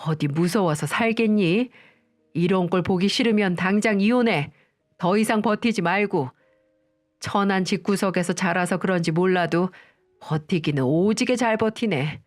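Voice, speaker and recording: A woman's voice: fairly low pitch, normal speed, soft background music, close to an everyday voice. A woman voicing a harsh, bossy middle-aged mother-in-law who scolds with contempt, in a storybook radio reading. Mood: scornful.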